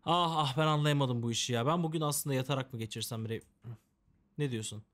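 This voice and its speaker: A man's voice: mid-range voice, a little fast, fairly bright tone. A man giving casual, joking commentary while playing a game, chatting to the characters and complaining in a mock-dramatic way. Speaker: gameplay commentator. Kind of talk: casual let's-play commentary.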